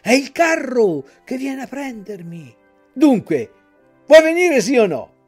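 A mischievous boy pressing his friend to run away, eager and insistent, as a reader puts him on. The voice sits higher than the reader's own and swings around a lot. Soft music plays faintly under the storybook reading. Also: very animated, slow, slightly rough, heavily acted.

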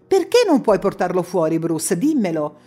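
A woman's voice: on the low side, big pitch swings, moderate pace, dark tone. A woman reading an audiobook, voicing an insistent middle-aged mother who coaxes and pushes firmly. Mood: coaxing. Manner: firm, coaxing, pushy.

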